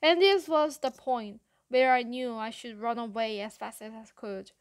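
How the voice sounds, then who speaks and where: A woman narrating a novel in the first person as an audiobook reader, with measured storytelling. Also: a little high, smooth.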